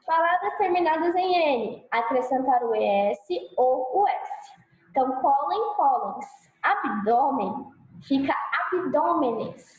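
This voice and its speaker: A Brazilian woman teaching a grammar lesson, checking in with her students often and sounding out example words slowly and loudly. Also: high-pitched, animated, reverberant, highs cut off. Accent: Brazilian Portuguese. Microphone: clip-on mic.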